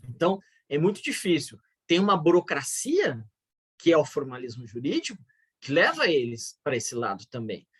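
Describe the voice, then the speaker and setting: A man teaching an online course as a legal advisor, explaining earnestly with frequent restarts and fillers, his pitch climbing on emphatic points. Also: very animated, moderate pace, breathy edge.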